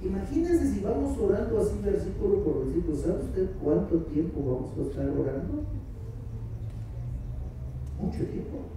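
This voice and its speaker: A man's voice: sits high, expressive, moderate pace, long pauses. Man, pastor preaching and praying aloud, very echoey sanctuary, faint background hiss. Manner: praying aloud fervently, then teaching in a softer, conversational tone. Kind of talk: sermon with spoken prayer. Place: church sanctuary. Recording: very echoey church hall, mic far off.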